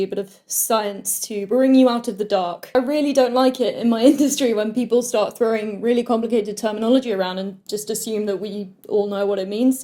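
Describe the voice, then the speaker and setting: A woman's voice: on the high side, warm tone. A British woman, a guitar maker, explaining wood in a chatty, lightly joking lesson.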